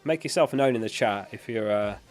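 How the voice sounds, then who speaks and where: Through a close dynamic studio microphone, a man on the low side speaks briskly, with faint music in the background. He's casually hosting a livestream, reading and answering viewer questions matter-of-factly, his voice giving out because he's sick.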